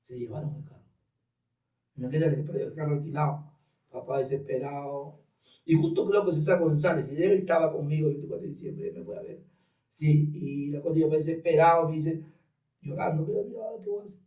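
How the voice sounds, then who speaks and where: Man, testimony guest, animated storyteller, higher voice, mellow tone, roomy off-mic sound. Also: fairly quick, distant mic. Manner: animated storyteller acting out dialogue. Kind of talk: personal testimony in conversation.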